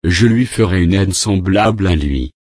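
A man preaching a Bible-study sermon, reading scripture verses and repeating divine names in a steady, measured cadence. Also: deep voice, no room sound, clean studio sound.

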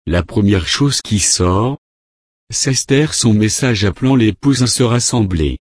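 A male preacher reads scripture and sermon quotes aloud, taking his time over every phrase. His voice sits fairly low, and the recording is close and dry. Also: expressive, no room sound. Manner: measured, deliberate reading of verses and quotes.

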